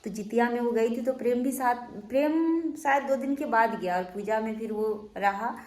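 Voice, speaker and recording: A young woman's fairly high voice chats to her viewers in a rambling way, like friends. She is recorded in a room with plenty of echo and faint noise behind her. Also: moderate pace, darkish tone. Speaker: family vlogger. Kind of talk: casual chat to viewers. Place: home.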